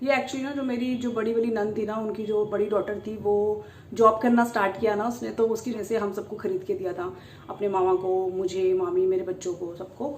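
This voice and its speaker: A woman's voice: medium pitch, flat delivery, moderate pace, darkish tone, slight background noise. A woman in her thirties chatting casually in a family vlog, rambling and laughing often. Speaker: family vlogger.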